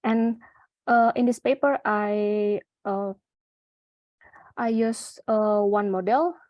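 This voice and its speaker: Indonesian woman presenting research, halting. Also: medium pitch, steady tone, no echo, dull audio. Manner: halting, with frequent fillers and restarts. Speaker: conference presenter.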